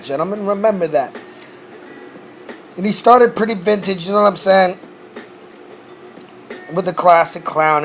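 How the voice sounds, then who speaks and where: A slightly high-voiced man, who says he's losing his voice, recaps a rap battle in a casual, profane way, often throwing in "you know what I'm saying."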